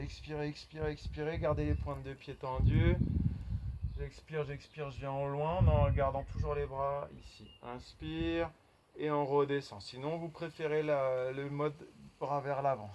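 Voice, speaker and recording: A fitness instructor with a fairly high voice leads a floor exercise class, guiding the participants' breathing. He repeats his cues rhythmically while counting, and noise can be heard in the background.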